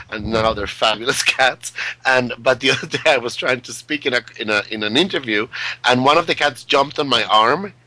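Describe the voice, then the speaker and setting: Bright-voiced, gushing male talk show host. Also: on the low side, no echo, low-quality recording. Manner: animated, theatrical, gushing. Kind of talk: chatty interview hosting.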